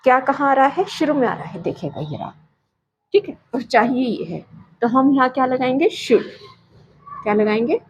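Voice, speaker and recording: Husky-voiced woman teaching English grammar. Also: high voice, very animated, muffled recording. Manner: asks questions and answers them herself, repeats phrases slowly. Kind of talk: Hindi-medium English grammar lesson.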